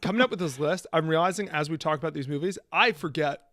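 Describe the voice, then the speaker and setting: A young man co-hosts a casual podcast, tearing into films he disliked with blunt, profane talk. His voice sits a little high and sounds dry and close to the microphone. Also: quick pace, a bit bright, no room sound. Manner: profane, blunt movie ranting. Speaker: podcast co-host. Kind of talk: casual chat.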